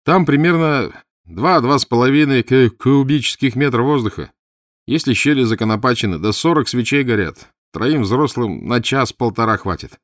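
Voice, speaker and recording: A man voicing a composed, precise gentleman detective with a slight stammer. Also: medium pitch, lively intonation, normal speed, dry recording, studio quality, pitched above the performer's own voice, natural voice. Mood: tense. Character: calm clever detective, gentleman.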